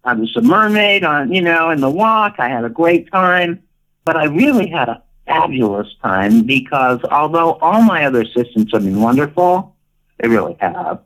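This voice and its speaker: Older woman, interview guest, very lively pitch, theatrical, playful, laughing storyteller. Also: moderate pace, low-quality recording. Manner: playful, theatrical, laughs often, acts out quotes. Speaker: guest, retired performer.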